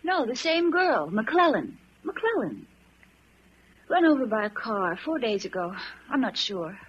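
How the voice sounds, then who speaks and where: A woman's voice: on the high side, sing-song, measured pace, husky, exaggerated voice. A woman playing a vague, indifferent, forgetful wife in a radio drama, speaking in an offhand way. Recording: slightly dull radio drama recording.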